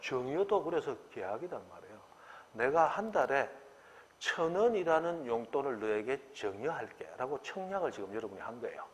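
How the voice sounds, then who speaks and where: A man's voice: medium pitch, normal speed, in a large hall, slight background noise. A middle-aged man, giving an exam-prep law lecture and asking the class rhetorical questions. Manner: animated, acts out quoted dialogue, rhetorical questions.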